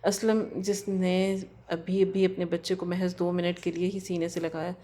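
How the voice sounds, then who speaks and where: A woman tells an emotional story in the first person from a script. Her voice is low and mellow with a soft, dark color. She reads in a dramatic, heartfelt way. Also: little pitch movement.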